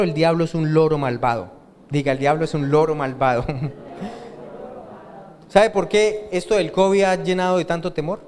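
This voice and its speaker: A man with a Colombian Spanish accent, preaching a lively sermon that keeps asking the congregation questions. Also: a little high. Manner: asks the congregation questions and waits for answers. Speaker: pastor. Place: church hall. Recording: reverberant church hall with faint noise.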